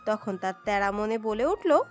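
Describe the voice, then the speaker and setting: A woman reading a romantic story aloud in an expressive, dramatic narration. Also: mid-range voice, unhurried. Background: soft background music.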